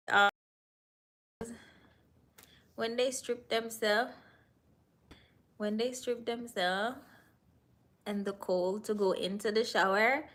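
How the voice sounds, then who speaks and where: With a fairly bright voice on the high side, this Jamaican-accented livestream host from Jamaica talks casually with her audience. She answers their comments and teases them along the way.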